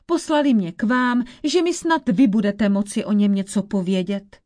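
A woman's voice: medium pitch, a little mellow, lightly acted. A woman voicing a young wandering prince in a folk tale, polite and earnest.

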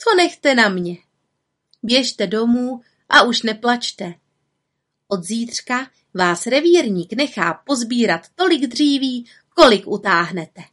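A woman voicing a kindly, playful little female witch in a storybook reading, her voice raised high and bright. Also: lively intonation. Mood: reassuring.

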